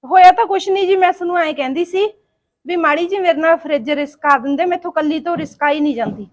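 An actress playing a polite, pleading young daughter-in-law in a homemade family drama. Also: female voice, high voice, a little fast, natural voice. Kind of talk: amateur family drama acting.

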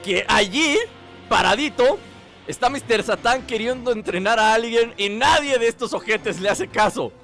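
A man's voice: very high voice, moderate pace, vocal fry, a bit bright, soft background music. A man giving playful, teasing gameplay commentary, swearing casually. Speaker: gaming channel host.

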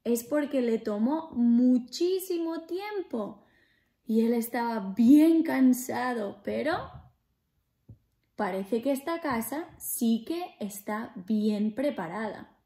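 Woman storyteller for kids, high voice, unhurried, expressive. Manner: expressive, addresses young listeners. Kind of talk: reading a children's story aloud.

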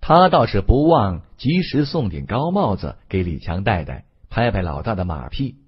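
A man reading a fantasy audiobook in scripted narration with an expressive, dramatic delivery. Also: on the low side, moderate pace, husky, dull audio.

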